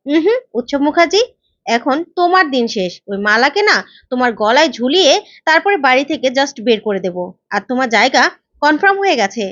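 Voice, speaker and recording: Woman reading as a commanding woman investigator, high and bold, dry lo-fi sound. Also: big pitch swings, moderate pace, fairly bright tone, no room sound. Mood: angry. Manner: commanding, threatening retorts. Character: determined woman investigator, confident and fierce.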